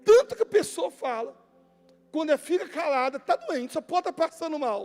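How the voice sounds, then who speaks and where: A man preaching a sermon as pastor, emphatic, swinging between near-shouts and hushed tones. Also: very high-pitched, expressive, brisk. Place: church hall. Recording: long church-hall reverb with music behind.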